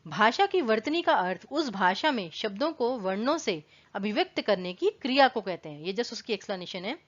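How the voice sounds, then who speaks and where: A woman's voice: mid-range voice, big pitch swings, normal speed, muffled recording. A woman teaching an online exam-prep lesson, explaining patiently and repeating words to contrast their pronunciation. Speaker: Hindi teacher.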